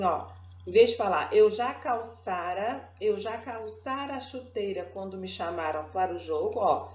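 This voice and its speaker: A Brazilian woman teaching a grammar lesson, drawing out verb conjugations slowly and checking in often with her students. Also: on the high side, a little mellow. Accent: Brazilian Portuguese. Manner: slow, drawn-out verb conjugation drills. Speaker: Portuguese language teacher. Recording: echoey room, dull lo-fi sound.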